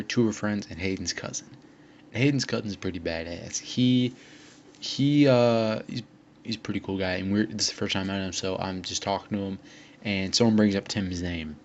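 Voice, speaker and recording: A young man with a somewhat low voice recounts a personal story in a loose, rambling way, full of fillers and quoted lines. The recording sounds dull and lo-fi, with a faint hiss underneath. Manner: rambling, filler-heavy retelling with quoted dialogue. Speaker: vlogger. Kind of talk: casual storytelling.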